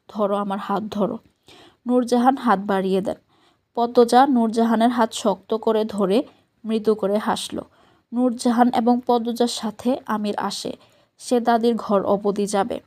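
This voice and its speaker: A woman's voice: a little high, a little mellow. A woman narrating a novel as an audiobook, reading the characters' dialect dialogue in her own voice. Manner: reads all characters in one voice, dialect dialogue.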